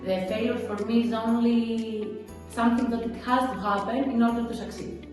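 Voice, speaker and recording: Young Greek-accented woman student, upbeat, echoey and distant, soft music under her. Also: a little high, fairly even intonation, moderate pace. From Ioannina, Greece. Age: 20s. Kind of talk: prepared personal statement. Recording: echoey hall, far from mic. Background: faint background music.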